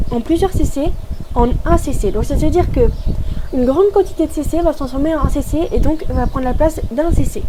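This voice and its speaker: A woman giving a casual tutorial voice-over for a video game, chatty and explanatory, pausing often to hesitate as she goes. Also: sits high, noisy background. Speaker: gaming tutorial host.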